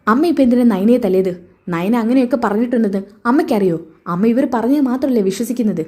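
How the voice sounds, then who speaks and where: A woman's voice: fairly high pitch, quick pace, darkish tone, breathy edge. A woman voicing a young husband who reproachfully questions his mother.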